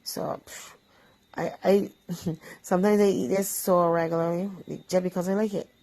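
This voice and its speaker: A Barbadian woman hosts her own cooking vlog in an easygoing, chatty way, talking to viewers between bites of breakfast. Her voice sits low and has a gravelly texture. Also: steady tone, moderate pace, dark tone, rough recording. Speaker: vlog host. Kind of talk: casual cooking chat while eating.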